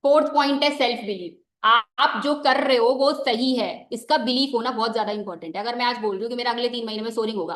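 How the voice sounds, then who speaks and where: A young network marketing trainer wears a microphone while giving a conversational motivational training talk, mixing in English phrases and often using "ठीक है" as a filler. Her voice sits on the high side, and the sound is roomy.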